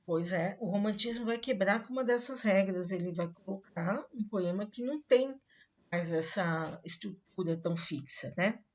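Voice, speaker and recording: A woman with a Brazilian accent teaching a literature class online, explaining slowly and reading poems aloud to students. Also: mid-range voice. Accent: Brazilian Portuguese. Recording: dull lo-fi recording.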